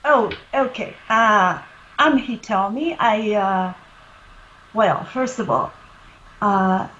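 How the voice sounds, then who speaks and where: A middle-aged woman from Okinawa with a Japanese accent, introducing herself haltingly in simple phrases. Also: medium pitch, fairly bright tone, muffled recording. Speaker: channel co-host. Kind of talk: casual self-introduction.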